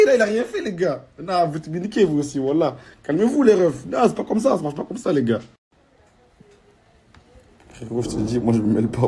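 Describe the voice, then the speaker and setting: A man's voice: high voice, darkish tone, breathy edge. A man with a Marseille French accent, talking in casual slangy chat and teasing a friend with mock warnings. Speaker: vlogger.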